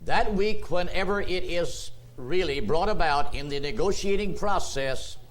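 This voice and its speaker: A male pastor delivers a sermon at a very unhurried pace, stretching key words out for weight. His voice sits a little high for a man. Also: expressive, rough recording. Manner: slow, deliberate preaching with drawn-out emphasis. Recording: church sermon tape.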